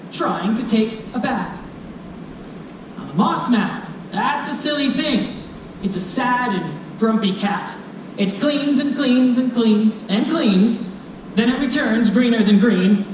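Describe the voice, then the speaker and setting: This is a noisy, distant live recording from a roomy convention performance room, where a storyteller reads a rhyming children's book. The animated delivery is slow and drawn out, playful and dramatic, swooping widely in pitch and dotted with asides.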